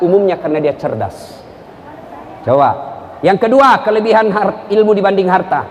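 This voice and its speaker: Animated and high-pitched, this preacher from South Sulawesi, Indonesia delivers a funny sermon packed with anecdotes. He voices different characters and swings between high and low pitch, with hall reverb and faint noise in the recording.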